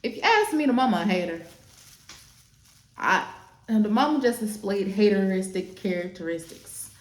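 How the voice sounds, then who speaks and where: A woman's voice: mid-range voice, moderate pace. Sassy chatty woman in an echoey room. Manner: sassy, animated storytelling. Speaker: makeup artist. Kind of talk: casual chat while doing makeup.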